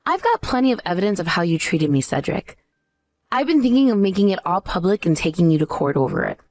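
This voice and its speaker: A woman's voice: on the low side, big pitch swings, fast talker, a little mellow, no echo. A woman playing a cool, scornful wife out for revenge in a dramatized story. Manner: taunting, cool. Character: scornful, vengeful pregnant ex-wife, coolly triumphant. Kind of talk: dramatized story dialogue and narration.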